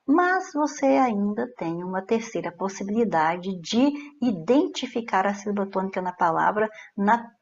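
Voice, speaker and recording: A woman's voice: mid-range voice, darkish tone. Brazilian woman teacher explaining exam answers, often checks in with listeners, slightly muffled audio. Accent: Brazilian Portuguese. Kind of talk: exam-prep grammar lesson.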